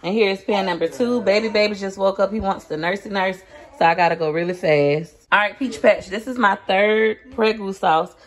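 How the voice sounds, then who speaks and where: Here the woman's voice is medium in pitch and steady, at an ordinary speed. She's a cooking vlogger in her home kitchen, stirring a pot for a casual video and chatting to viewers in a folksy way as Peach Patch.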